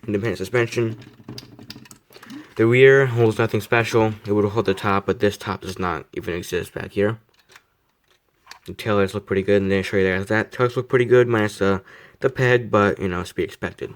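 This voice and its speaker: A young adult man with a lowish, steady voice talks a little fast as he casually reviews a die-cast model car. He rambles, repeats himself, and pokes fun at himself along the way.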